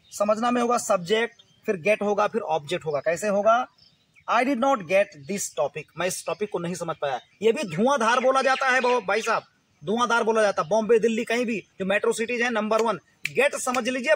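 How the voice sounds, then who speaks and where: A man teaching a spoken English lesson in an energetic, repetitive, coaxing way. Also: sits high, normal speed, breathy edge.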